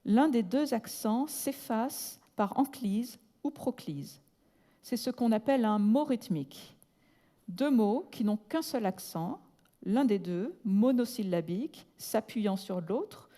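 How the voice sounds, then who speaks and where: A woman's voice: on the high side, lively intonation, dark tone. Woman reading a lecture in a reverberant hall. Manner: measured, deliberate, slows to spell out terms; breaks off with brief asides in English. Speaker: conference speaker. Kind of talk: reading a prepared academic lecture.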